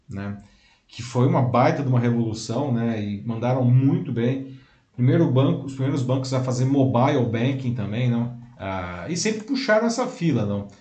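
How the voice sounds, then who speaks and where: A man with a mellow, darkish voice talks through the topic as co-host of a live show. He explains at length and keeps checking in with little tag questions. The sound is roomy and echoey. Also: mid-range voice. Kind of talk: casual commentary on a live show.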